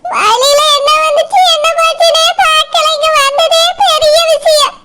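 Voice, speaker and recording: Super shrill crying old cartoon granny type, yells thru tears, loud noisy hiss behind. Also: female voice, moderate pace. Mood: wailing. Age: older. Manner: wailing, shouting through tears. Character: tearful elderly village mother-in-law, fretful and loud. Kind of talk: cartoon village comedy voice acting. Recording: loud background noise.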